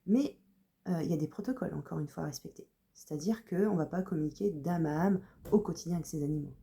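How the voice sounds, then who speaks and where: A woman working as an animal communicator, explaining her practice to viewers in a loose, unhurried way with frequent hesitations. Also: low voice, mellow, slight background noise. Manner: unhurried, loose talk full of "voilà" and hesitations.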